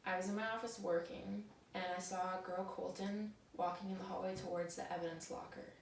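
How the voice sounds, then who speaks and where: A woman's voice: medium pitch, steady tone, fairly quick, creaky, close to an everyday voice. A woman playing a police officer testifying as a witness, speaking plainly. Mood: flat. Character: flat-voiced female police officer witness. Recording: very echoey, distant, faint noise.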